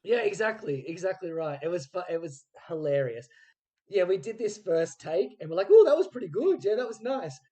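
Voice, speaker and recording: Speaking brisk and very animated, a man with a high but dark-toned voice hosts and interviews on a podcast. He tells lively stories in casual talk, acting out each quoted line. The recording was made remotely over a phone.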